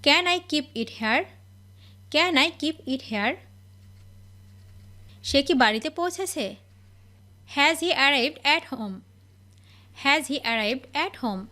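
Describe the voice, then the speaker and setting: A woman teaching English phrases, reading each sentence and then repeating the English slowly twice. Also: sits high, animated, bright, forceful tone.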